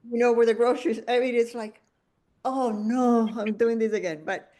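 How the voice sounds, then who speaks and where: A woman's voice: a little high, fairly even intonation, moderate pace, warm tone. Host: middle-aged woman from Venezuela, reflective storyteller, restarts often, conversational podcast tone. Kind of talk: conversational interview.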